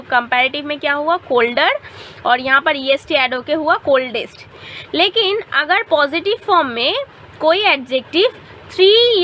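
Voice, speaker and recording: High bright teacher voice. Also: female voice, a little hiss or hum. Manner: mixes Hindi and English, repeats "theek hai" as a check. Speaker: English teacher. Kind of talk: classroom lesson explaining grammar.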